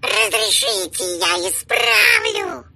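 A man voicing a tiny, shrivelled female mummy familiar in a thin, squeaky, whining voice. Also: slow, gravelly, sharp tone, far from the mic, heavily acted. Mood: fawning. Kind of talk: audiobook character voice.

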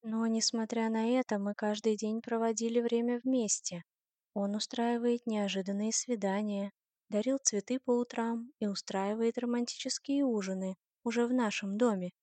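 A woman's voice: fairly high pitch, fairly even intonation, moderate pace, dark tone, no echo. Woman reading a first-person novel. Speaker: audiobook narrator.

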